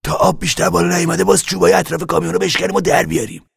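An eager young farm lad in an audiobook, pitched high above the reader's own voice. His tone is gravelly and husky, with a dry, close sound. He talks in quick, earnest bursts. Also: fairly even intonation, no echo, full character voice.

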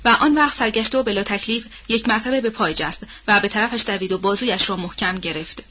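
A woman narrating a novel in a steady, measured storytelling voice, on a dull, muffled recording. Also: mid-range voice. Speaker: audiobook narrator.

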